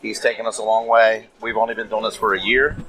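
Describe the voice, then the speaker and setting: A man's voice: on the low side, little pitch movement, quick pace, bright, forceful tone, a little hiss or hum, rough recording. A man who owns a cigar company, guesting on a casual podcast and telling teasing stories. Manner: teasing storyteller. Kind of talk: casual chat. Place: cigar lounge.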